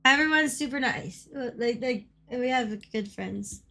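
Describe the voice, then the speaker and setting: A woman with a hoarse voice, chatting casually and excitably on a game stream, repeating phrases as she goes. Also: a little high, slow pace. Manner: swears casually. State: hoarse from coughing. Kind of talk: casual live-stream chat.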